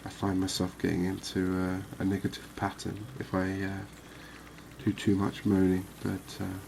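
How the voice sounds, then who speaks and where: Over a clearly noisy background, a gaming video host speaks in a low, even tone. His relaxed ASMR commentary on the game is conversational and unhurried, thoughtful in tone, with frequent tag questions.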